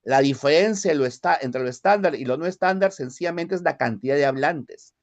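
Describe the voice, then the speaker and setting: A man from the Peruvian highlands with a Lima accent, lecturing a language class and often checking in with short tag questions. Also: fairly quick. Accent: Lima Spanish. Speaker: language teacher.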